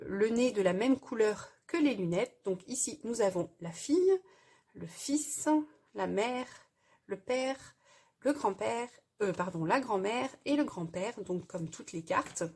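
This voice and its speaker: A woman hosting a casual crafting tutorial, explaining step by step in a hesitant way with frequent pauses and fillers. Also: a little high, mellow.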